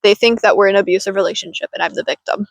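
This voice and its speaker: A woman's voice: mid-range voice, rapid-fire, creaky, dry recording. A woman co-hosting a podcast in casual chat, playful and giggly, recorded outdoors on a handheld mic. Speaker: podcast co-host. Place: outdoors in the woods. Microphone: handheld mic passed between speakers.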